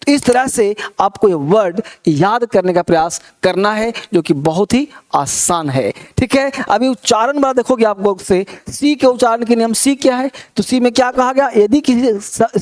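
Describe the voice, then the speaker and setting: A man with a high, darkish voice runs an online spoken-English lesson. He reads word lists aloud, poses rhetorical questions so the class keeps up, and repeats important points in an encouraging way.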